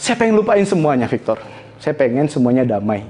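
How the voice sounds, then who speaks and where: Warm forgiving aging dad, low and hushed, as a speaker quotes him over faint background music. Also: male voice, big pitch swings, fairly quick, lightly acted. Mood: tender. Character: aging father, gruff but tender, forgiving son.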